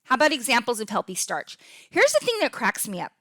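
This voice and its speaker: A woman's voice: on the high side, huge pitch swings, fast talker, fairly bright tone, dry recording, studio quality. A middle-aged woman hosting a fitness podcast in a casual, upbeat way, often checking in with "okay?" as she explains. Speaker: podcast host and fitness coach.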